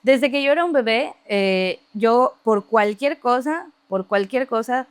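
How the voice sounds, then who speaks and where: A woman telling a story from her childhood in casual, lively conversation, laughing often and imitating other people's voices. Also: on the high side, unhurried, clean tone, dry recording. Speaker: podcast guest.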